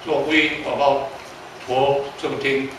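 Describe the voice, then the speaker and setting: Here an older Taiwanese-accented pastor, around seventy-something, tells a sermon story in a level, mid-pitched tone, stumbling, repeating words, and directing questions at the crowd. He is heard from far away, with lots of hall reverb and distinct noise beneath.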